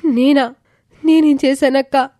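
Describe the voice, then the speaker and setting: A woman's voice: high voice, steady tone, slow, warm tone. A woman voicing a responsible young older sister in an audio story, earnest and pleading. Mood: hurt.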